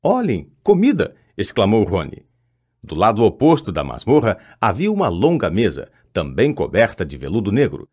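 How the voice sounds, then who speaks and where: A man reading a fantasy audiobook aloud, raising his pitch to voice each character. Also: big pitch swings, normal speed, a little mellow. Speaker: audiobook narrator.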